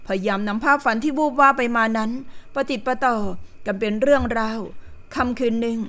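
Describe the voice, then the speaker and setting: A woman narrating a period romance novel as an audiobook in a steady, even storytelling manner. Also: on the high side, brisk.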